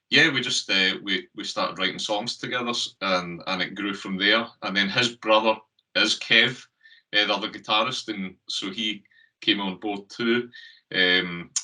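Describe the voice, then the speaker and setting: A man's voice: on the low side, sharp tone, far from the mic. A man with a Scottish accent, chatting casually as a guest on a remote call, laughing often and filling gaps with ums. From Scotland. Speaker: guest, lead singer. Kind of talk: casual interview chat.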